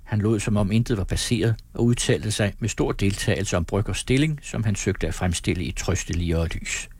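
Husky guy reading an old novel slowly and steady, very dry close sound. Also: fairly low pitch, no room sound. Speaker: audiobook reader. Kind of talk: reading a classic novel aloud.

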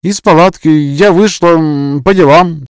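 A man's voice: on the high side, measured pace, clear, resonant tone, no echo, pitched above the performer's own voice. Man doing a sweet, teasing young woman. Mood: chatty.

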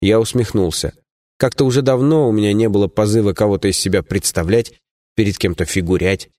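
Man, audiobook narration, first person, low voice, dry booth sound. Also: brisk, a little mellow, no echo.

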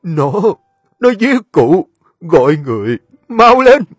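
A man's voice: fairly high pitch, sing-song, very slow, a little mellow, slightly rough, dry recording, faint music behind, pitched above the performer's own voice, full character voice. A man voicing a frail, dying old grandfather who gasps out broken words. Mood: desperate. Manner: faint, gasping, broken words.

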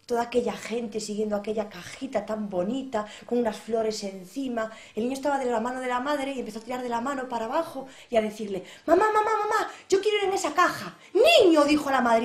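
Woman Galicia, storyteller, quick-talking, fairly high voice, lively, echoey room. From Galicia, Spain. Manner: lively, expressive narration. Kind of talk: oral storytelling.

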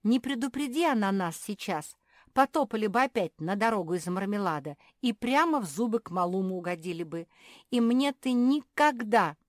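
A woman voicing a sharp-tongued, scolding schoolgirl in a storybook reading, with a sarcastic manner. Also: medium pitch, lively intonation, moderate pace, no room sound, clean studio sound, voice pushed up, lightly acted.

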